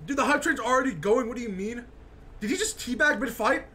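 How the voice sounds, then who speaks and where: A live streamer giving excited reaction commentary, yelling, laughing and swearing in bursts. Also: mid-range voice, brisk. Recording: steady background noise.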